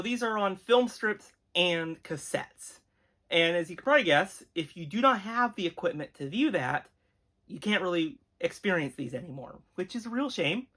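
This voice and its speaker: An earnest, appreciative host gives an enthusiastic, conversational review of a retro cartoon, delivering it emphatically. The voice is mid-range, pushed, and bright.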